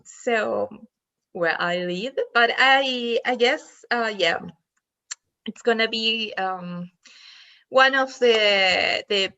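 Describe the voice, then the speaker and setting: A woman's voice: a little high, pushed and bright, lo-fi sound. A woman with a Spanish accent, moderating a casual online roundtable, hesitant and full of fillers. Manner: hesitant, many fillers and restarts.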